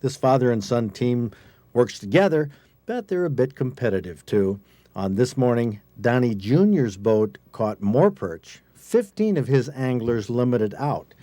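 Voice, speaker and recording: An American man with a mellow, relaxed voice at a middling pitch narrates an outdoor fishing feature. He sounds like a folksy reporter, reading his script as if chatting with viewers. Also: unhurried, no echo. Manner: folksy, conversational.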